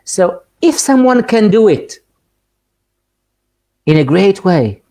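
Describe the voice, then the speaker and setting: Speaking slowly, with big swings in pitch, a middle-aged Moroccan ELT supervisor lectures teachers over video and takes questions as a guest speaker. His tone is mellow and darker, his Moroccan accent is obvious, and he stumbles and repeats words earnestly, leaping upward in pitch to stress main ideas.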